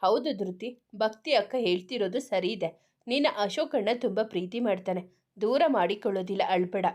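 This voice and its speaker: A woman voicing a lively young girl who comforts her friend quickly and eagerly in a narrated story. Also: medium pitch, close to an everyday voice. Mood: eager, comforting.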